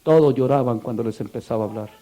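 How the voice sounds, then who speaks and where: A man's voice: mid-range voice, fast talker, dark tone. A man preaching a sermon, asking the congregation rhetorical questions and telling a story with passion.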